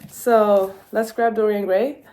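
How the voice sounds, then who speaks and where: This book vlogger, a young woman with Czech as her mother tongue, keeps things cheerful as she talks to the camera about books, full of fillers and self-corrections. Her mid-range voice is steady in tone and slow.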